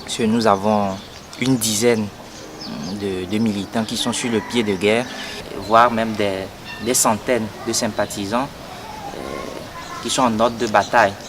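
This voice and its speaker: A young man from Togo in his 20s, a party activist, offers an earnest political statement in an interview, often pausing on fillers and repeating words. His low-leaning voice has fairly even intonation and runs a little slow. The setting is a noisy outdoor street.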